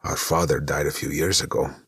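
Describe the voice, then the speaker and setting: A man's voice: extremely low pitch, steady tone, fairly quick, fairly bright tone, slightly rough, no echo, studio quality, heavily acted. A man voicing a blunt, needling brother who smokes, in an audiobook. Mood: bitter. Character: blunt, slouching middle-aged brother, chain smoker. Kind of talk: audiobook narration.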